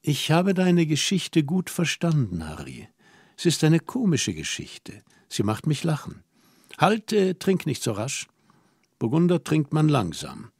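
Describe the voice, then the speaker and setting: A man voicing a stern but motherly young woman who calmly scolds and teases a lonely older man, in a dry recording. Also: a little high, unhurried, husky, dry recording, full character voice. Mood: amused, scolding. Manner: calm, gently scolding.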